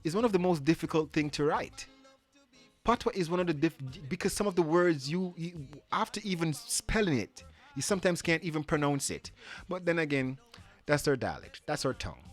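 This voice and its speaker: A man's voice: a little high, expressive, moderate pace, faint music behind. A Jamaican man hosting a live stream, chatting casually in a loose conversational way and slipping in Patois phrases. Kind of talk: casual chat sharing fun facts.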